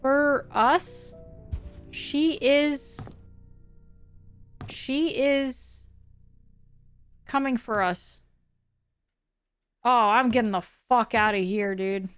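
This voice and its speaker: A woman horror game streamer giving chatty, expressive, informal live commentary. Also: fairly high pitch, drawn-out words, pauses often, clean tone, faint music behind.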